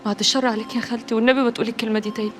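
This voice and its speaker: A gentle young woman pleading softly with her grieving aunt in an Egyptian voice, played by an actress. She speaks very quickly and a bit high. A faint score lies underneath. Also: level tone, faint music behind, close to an everyday voice. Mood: soothing. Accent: Egyptian Arabic. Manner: soothing, pleading. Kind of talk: Egyptian TV drama acting.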